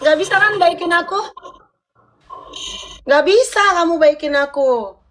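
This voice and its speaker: High-voiced woman scolding insistently. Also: animated, unhurried, fairly bright tone, slight background noise. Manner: scolding, repeats demands insistently. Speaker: livestream co-host. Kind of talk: heated argument on a livestream.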